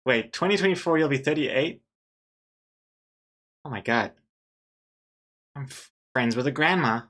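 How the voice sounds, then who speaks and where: This thirties-aged artist offers casual commentary while drawing on a livestream, chatty and quick to mock himself. His mid-range voice is expressive and fairly bright, with a measured pace.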